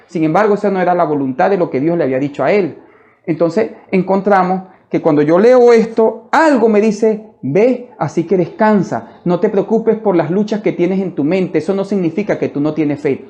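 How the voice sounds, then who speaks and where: A man preaching in church, telling his testimony with fervent, emphatic phrasing and frequent calls to the brethren. His voice is warm and mellow. The recording sounds dull and muffled. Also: fairly high pitch. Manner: fervent, repeats "hermano", slow emphatic phrases. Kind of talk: sermon testimony.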